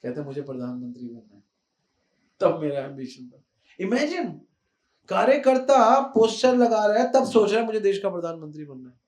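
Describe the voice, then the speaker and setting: A man giving an animated devotional talk, emphatic and repetitive, slipping English words into speech. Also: sits high, normal speed, reverberant. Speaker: spiritual speaker.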